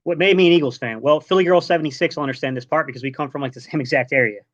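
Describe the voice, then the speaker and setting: High-voiced man in his thirties, lo-fi call. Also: racing, dry recording. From Delaware. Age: 30s. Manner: relaxed, rambling, says "man" often. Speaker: podcast guest. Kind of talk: casual sports chat. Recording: dull lo-fi online call audio.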